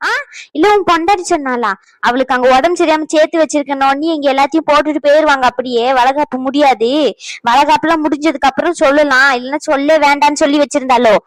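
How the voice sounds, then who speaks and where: A woman voicing a bitter, accusing mother-in-law in an animated family drama, scolding in sharp bursts. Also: sits high, fast, dry recording, close to an everyday voice, poor audio. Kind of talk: cartoon family-drama voice acting.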